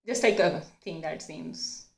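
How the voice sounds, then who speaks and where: A woman from Pakistan speaks as a guest in a relaxed chat, her lowish voice full of vocal fry. She leans on "like" and laughs easily. The sound carries a roomy echo. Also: unhurried. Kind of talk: casual chat.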